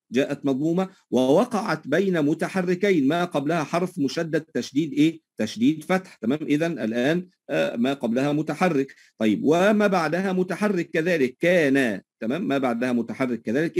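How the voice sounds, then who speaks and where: Husky-voiced Egyptian male teacher. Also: on the high side, a little mellow. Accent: Egyptian Arabic. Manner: prompts listeners with questions, then answers them himself; checks understanding often with short tag questions. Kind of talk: tajweed lesson.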